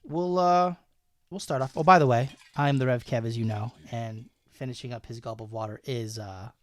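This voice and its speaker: A man's voice: medium pitch, steady tone, moderate pace, dry recording. A man in his thirties hosting a casual podcast, laughing often as he reads slang definitions with jokey examples. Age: 30s. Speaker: podcast host.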